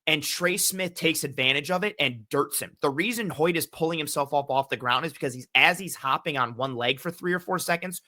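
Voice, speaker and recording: Man, bright forceful voice, sports analyst, casual podcast talk, animated storyteller, dry close mic. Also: on the high side, brisk, few pauses, no room sound. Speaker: team analyst guest.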